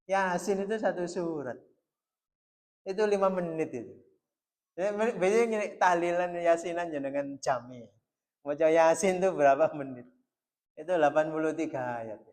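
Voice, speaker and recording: A male mosque teacher talks in a loose, chatty way, dropping words into his lesson. His pitch swings widely. The sound carries a long reverb from the mosque hall. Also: normal speed, pauses often. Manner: chatty, mixing in Javanese, lively swings in pitch. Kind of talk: religious study talk.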